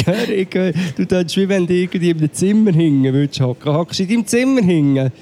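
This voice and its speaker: A man's voice: sits high, fast, dark tone. A man with a Swiss German accent, sick at home, chatting casually as a podcast co-host and complaining about the call connection. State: sick and coughing. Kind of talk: casual chat over a remote call.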